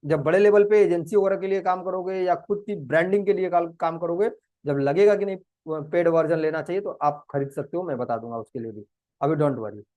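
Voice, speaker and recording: A man with a fairly high voice teaches a live online class, walking through each step earnestly and repeating instructions. The sound is dry and close, with no room echo. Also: a little fast, dark tone. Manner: earnest, repetitive, explains step by step. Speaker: digital marketing teacher. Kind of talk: live screen-share class.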